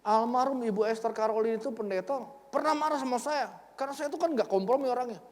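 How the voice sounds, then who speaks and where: A pastor in his fifties preaching a sermon in a large church, telling personal stories in an animated way, acting out the people in them and swinging between loud outbursts and quiet asides. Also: very high voice, quick pace. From Indonesia. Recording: long reverb of a large church hall.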